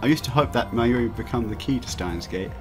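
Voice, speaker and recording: Hosting a let's play, a man with a medium-pitched voice reads a visual novel aloud quickly, stumbling over the text and tossing in casual asides. Game music plays in the background.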